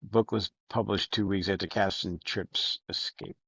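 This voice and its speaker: A man's voice: sits low, steady tone, normal speed, pushed and bright, husky, no room sound. A man co-hosting a podcast, talking loosely about a book, rambling, joking and swearing a lot. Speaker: podcast co-host. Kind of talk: casual book discussion. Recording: dull lo-fi recording.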